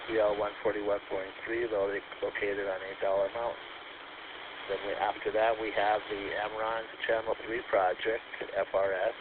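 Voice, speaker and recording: A man's voice: lowish voice, narrow, tinny audio. A man making a club announcement over a scratchy two-way radio transmission full of static. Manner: reads out club details in a steady, informational way. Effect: scratchy radio transmission with heavy static. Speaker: radio club member giving an announcement on the net.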